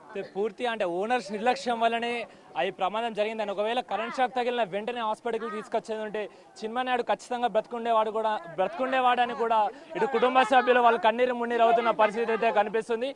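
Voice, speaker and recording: A man's voice: very high-pitched, level tone, very fast. A male news reporter doing a formal field report outdoors at the scene, asking questions. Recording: crowd noise on location.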